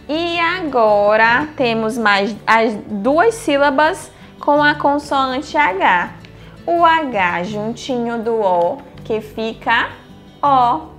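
A woman teaching a lesson to young children, slow and deliberate, in a sing-song, encouraging manner. Her voice sits a little high, and she keeps asking questions and answering them herself. Soft music plays faintly behind her. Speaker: primary school teacher.

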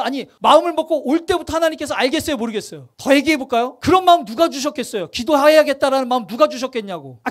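A male pastor preaching at a Wednesday evening service, conversational and full of questions to his congregation, acting out sample prayers. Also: extremely high pitch. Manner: acts out prayers in quoted voices.

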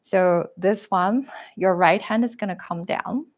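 Woman coaching a tai chi class, gravelly. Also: mid-range voice, measured pace. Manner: gentle guiding cues with frequent "right?" and "okay?", self-deprecating laughs. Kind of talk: live class instruction. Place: living room at home. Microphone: webcam and room mic while moving around.

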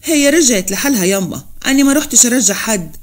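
A woman's voice: on the high side, expressive, fast. A woman voicing a stern, proud young husband who gives curt commands in an Upper Egyptian accent.

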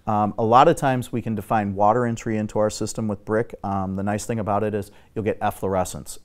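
Man, middle-aged, low-ish voice, technical, instructive, guest expert, studio talk show. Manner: steady, technical, instructive explaining. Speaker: exterior building expert guest. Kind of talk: explanatory talk show conversation.

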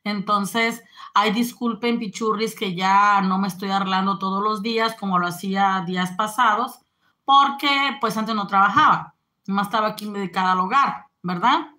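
Bright-voiced chatty woman in her forties. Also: mid-range voice, normal speed. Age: 40s. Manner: chatty, greets viewers, reads out comments. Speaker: live-stream host. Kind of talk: casual live-stream chat.

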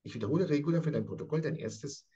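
A man's voice: fairly high pitch, lively intonation, very fast, warm tone, breathy edge, lo-fi sound. A man teaching a passionate Bible study, speaking emphatically and calling on his listeners by name. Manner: passionate, dramatic. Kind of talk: lively Bible study lecture.

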